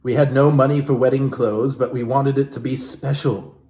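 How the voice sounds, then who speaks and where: Level, mellow, and mid-range, this man's voice moves at a moderate pace while he mockingly reads a book aloud. He hosts the comic reading, slipping in casual asides laced with swearing. Sound is echoey with noise in the background.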